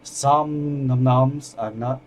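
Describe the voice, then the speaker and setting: An older man from Hawaii, chatting casually and haltingly while streaming a game from his home computer. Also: medium pitch, slight background noise. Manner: halting, restarts mid-sentence, relaxed. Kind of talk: casual live-stream chat while gaming.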